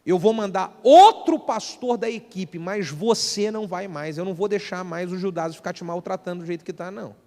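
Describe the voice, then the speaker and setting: A man preaching a sermon, telling a story with animated delivery and acting out the people in it, at a live church service. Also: high-pitched, brisk, hardly any pauses, in a large hall. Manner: animated, acts out the people in his stories. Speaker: pastor. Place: church hall.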